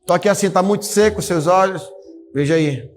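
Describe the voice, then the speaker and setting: A fervent pastor with a fairly high voice preaches to his congregation. He exhorts them with rising emphasis and calls out to the people in the pews. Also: brisk. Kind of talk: sermon. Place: church service.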